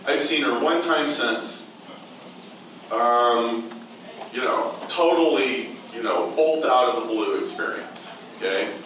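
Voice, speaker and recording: A man's voice: medium pitch, takes it slowly, a bit bright, very echoey, distant mic, slight background noise, low-quality recording. A man telling a personal story to a seminar audience, rambling with many restarts and fillers. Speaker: speaker at a seminar. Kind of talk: storytelling talk to a live audience. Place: event room on stage.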